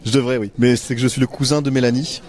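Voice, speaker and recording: A man's voice: medium pitch, steady tone, quick pace, darkish tone. A man in his forties, a technical volunteer, answering questions in a matter-of-fact way. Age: 40s.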